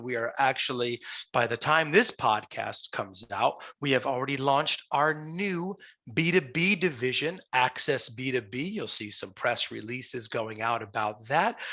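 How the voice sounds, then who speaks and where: A man with a smoker's rasp, hosting a podcast in a chatty showman's style on a headset mic. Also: mid-range voice, sharp tone. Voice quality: raspy, like a smoker's voice. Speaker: podcast host. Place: small glass-walled office, video call. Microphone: headset boom mic.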